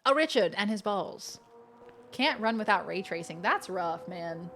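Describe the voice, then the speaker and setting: A woman livestreaming a video game, chatting casually with playful, expressive, giggly commentary. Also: mid-range voice, measured pace, a little hiss or hum.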